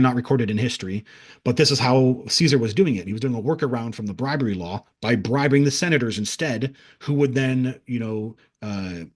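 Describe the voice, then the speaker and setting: A man with a medium-pitched, slightly rough voice casually recounts a past-life vision. His monologue rambles, full of restarts and fillers, and now and then he acts out the voices of a crowd.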